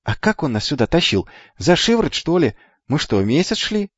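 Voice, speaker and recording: A man voicing a brash, excitable young boy twin who talks loudly and insistently. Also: a little high, moderate pace, no echo, voice pushed up. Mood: excited. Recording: dull lo-fi with faint music.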